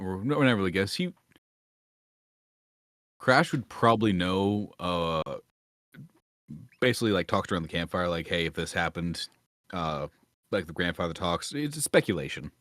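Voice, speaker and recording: Deep-voiced man running a tabletop game. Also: very animated, measured pace, long pauses, a bit bright, no room sound, clean studio sound. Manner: rambling, thinks aloud with many restarts. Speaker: game master.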